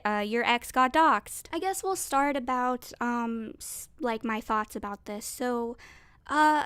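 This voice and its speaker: A woman's voice: a little high, a bit bright, clear, resonant tone, no room sound. A woman who is sick with a cold and sounds nasal, rambling through unscripted commentary as an online creator. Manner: rambling, conversational.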